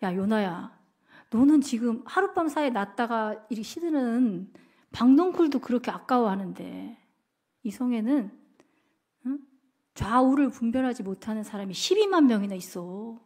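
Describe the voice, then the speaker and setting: A woman's voice: fairly high pitch, animated, normal speed. A woman voicing God as he patiently reasons with and reproves a prophet, told in a Bible class. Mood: reproving. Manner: gently scolding, reasoning.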